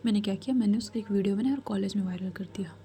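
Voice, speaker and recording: A woman voicing a proud twenty-two-year-old woman, tearful and hushed as she pleads with her grandmother. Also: medium pitch, racing, close to an everyday voice. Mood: tearful pleading. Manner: pleading, hushed, repeating "dadi".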